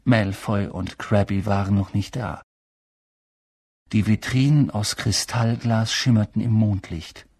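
Expressive male audiobook narrator, husky voice. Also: lowish voice, slow pace, dry recording, studio quality. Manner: expressive, lively storytelling. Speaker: audiobook reader.

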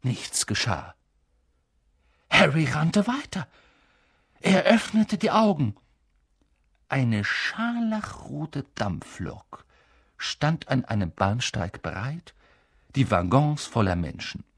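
Ein Mann, der ein Hörbuch langsam und sehr ausdrucksvoll vorliest. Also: male voice, mid-range voice, gravelly, slightly rough, dry recording, studio quality. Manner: slow, very expressive reading. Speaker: audiobook reader. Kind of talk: scripted narration.

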